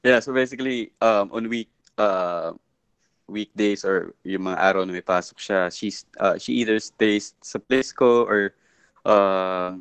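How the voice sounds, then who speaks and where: A man's voice: fairly low pitch, unhurried, a bit bright, clear, resonant tone, dry recording. A man, calling in and telling his story in a hesitant, rambling mix of Tagalog and English. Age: 30s. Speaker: caller.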